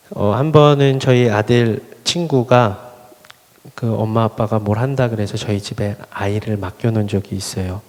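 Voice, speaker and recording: Male pastor preaching in a reverberant church. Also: on the low side. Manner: earnest storytelling that swells into loud, impassioned appeals. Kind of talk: sermon. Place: church sanctuary at a Friday worship service. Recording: long reverb of a large church hall.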